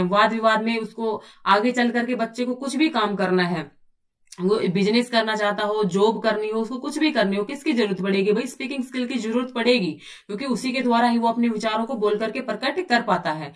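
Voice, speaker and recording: A woman teacher works through exam material, posing question after question to her listeners and then answering each one herself. Her voice sits a little high for a woman and comes across as somewhat distant from the microphone. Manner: explains by asking and answering her own questions, often says "bhai". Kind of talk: exam-prep lecture.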